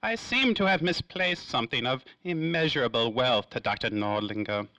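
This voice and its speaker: In a mid-range, bright and forceful voice with no echo, a man acts out a suave, cagey, self-important industrialist in a 1930s-style radio noir serial. He sounds smug and evasive, drawing his words out theatrically and sidestepping with slippery phrasing.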